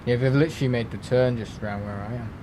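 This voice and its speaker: A man with a Merseyside accent from England hosts a livestream, chatting casually with live viewers and rambling with plenty of fillers and restarts. His mid-range voice holds a steady tone, he talks fast, and the background is noisy.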